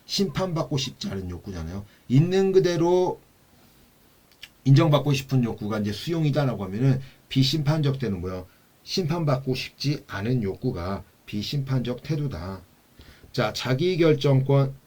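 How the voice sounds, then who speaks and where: A male instructor teaching an exam-prep class in a classroom. He asks rhetorical questions, repeats key terms, and drops to a quiet low voice when he stresses them. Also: big pitch swings, normal speed. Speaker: social work exam instructor.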